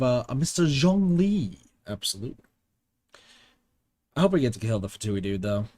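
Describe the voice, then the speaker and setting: With a mid-range, slightly mellow voice, a man streams a game and commentates live in a relaxed, slangy, meandering way, often muttering to himself. Game music plays behind him.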